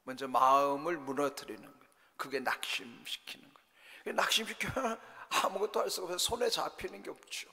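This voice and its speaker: A man's voice: a little high, steady tone, a little fast, bright, forceful tone. A man preaching a sermon as pastor, emphatic, often prompting the congregation with short questions. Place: church sanctuary. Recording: church hall reverb.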